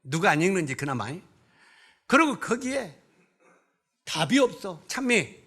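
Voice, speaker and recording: A male pastor delivers a sermon in a church, his voice pitched unusually high and swinging widely up and down. The tone is bright and forceful. He keeps throwing rhetorical questions at the congregation and mixes blunt scolding with humor. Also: very animated, measured pace, slightly rough. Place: church sanctuary.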